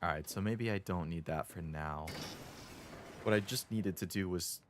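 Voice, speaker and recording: A man's voice: deep voice, normal speed, background noise. A man live streaming a horror game, chatting casually and nervously muttering to himself as he plays. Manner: nervous, uneasy, muttering to himself while playing. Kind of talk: casual chat while playing a horror game.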